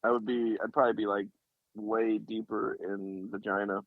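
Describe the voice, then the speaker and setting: A man's voice: on the low side, little pitch movement, moderate pace, dry recording, narrow, tinny audio. A man co-hosting a podcast with wry, crude humor in casual chat. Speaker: podcast co-host.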